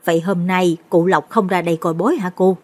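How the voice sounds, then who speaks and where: A woman voicing a bewildered older woman who keeps asking questions, in a low, breathy voice. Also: fairly even intonation, a little fast, a little mellow, close to an everyday voice. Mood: puzzled. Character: puzzled older woman visitor.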